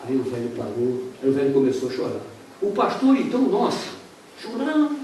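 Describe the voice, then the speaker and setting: A Brazilian man preaching a sermon, telling a story dramatically with sweeping swings between loud and hushed delivery. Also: medium pitch, huge pitch swings, a little fast, a little hiss or hum. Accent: Brazilian Portuguese. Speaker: pastor. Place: church sanctuary. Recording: very echoey church hall, mic far off.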